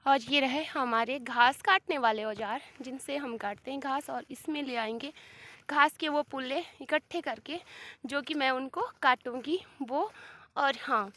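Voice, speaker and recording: High-voiced woman vlogging, sore throat. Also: measured pace, sharp tone. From Himachal Pradesh, India. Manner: chatty, talks straight to viewers. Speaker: village life vlogger. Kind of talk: casual walk-along vlog talk. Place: outdoors on a steep grassy hillside.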